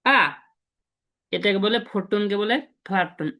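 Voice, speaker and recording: A man's voice: high-pitched, fairly quick, pushed and bright. A man teaching a beginner's language lesson, explaining at an easy pace with hums and fillers. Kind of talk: casual teaching.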